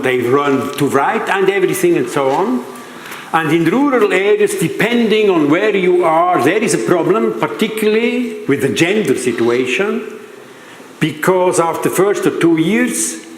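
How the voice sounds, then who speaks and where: Older man lecturing in a hall. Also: on the high side. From Switzerland. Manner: halting, searching for words, rhetorical questions. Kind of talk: conference lecture. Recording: roomy hall reverb, faint background noise.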